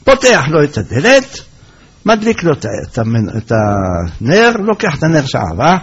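A man telling an oral folk tale in a lively way, acting out the characters' lines. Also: a little high, slightly rough. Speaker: storyteller. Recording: dull lo-fi recording.

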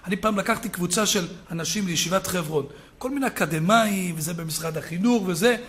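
Rabbi guy giving a sermon, really high voice for a man, tells stories and gets loud. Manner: storytelling, builds to loud shouting peaks, chuckles. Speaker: rabbi preaching to a congregation.

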